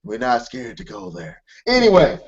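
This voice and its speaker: On lo-fi audio, a man co-hosting a podcast speaks at a moderate pace with medium pitch that swoops wildly. He is earnest and emphatic in casual conversation, often restarting and circling back.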